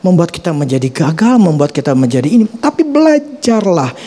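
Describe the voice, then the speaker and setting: Animated male pastor preaching. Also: a little fast. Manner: colloquial Jakarta-style slang, animated pitch swings. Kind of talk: sermon.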